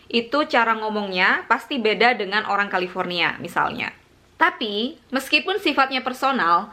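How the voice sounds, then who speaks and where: Indonesian-accented woman vlogger, bright voice, casual bilingual lesson with slow word demos. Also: on the high side. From Surabaya, Indonesia. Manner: switches between Indonesian and English, slows down to demonstrate words. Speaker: vlogger teaching English pronunciation.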